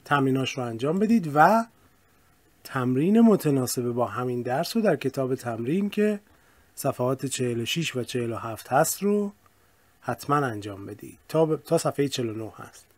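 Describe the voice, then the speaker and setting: A male teacher explaining grammar in a casual way and reading example sentences slowly and clearly. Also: mid-range voice, very animated, dry recording. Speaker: English teacher. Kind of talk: recorded language lesson.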